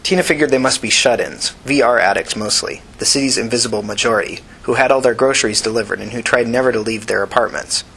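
A man narrating an audiobook in a steady, even reading voice. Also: medium pitch, quick pace, creaky, hardly any pauses, husky, low-quality recording.

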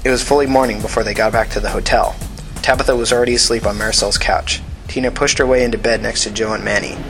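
A man narrating an audiobook in a steady, even reading voice. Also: fairly low pitch, fast talker, soft background music, low-quality recording.

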